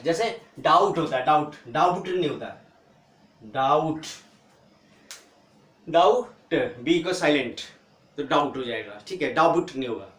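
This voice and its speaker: A man teaching English pronunciation, asking questions and answering them himself, repeating each word slowly. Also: sits high. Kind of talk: classroom lesson. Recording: echoey room.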